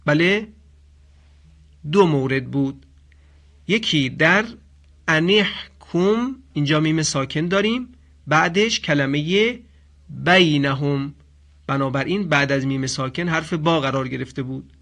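A man teaching Quran recitation rules in a language lesson. He explains patiently and chants the example phrases slowly. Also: on the high side, fairly bright tone. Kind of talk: radio-style tajweed lesson.

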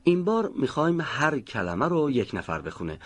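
A man teaching Quran recitation, explaining how to pronounce a letter and slowly sounding out example words. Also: mid-range voice, sing-song. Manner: slow, deliberate pronunciation of example words. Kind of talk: instructional lesson. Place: recording studio.

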